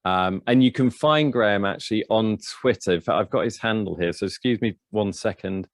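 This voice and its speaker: A man with a low voice hosts a chat. His sound is close and dry, and he asks questions haltingly with many ums. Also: no room sound. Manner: hesitant, many fillers and restarts. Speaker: livestream host. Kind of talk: casual interview chat.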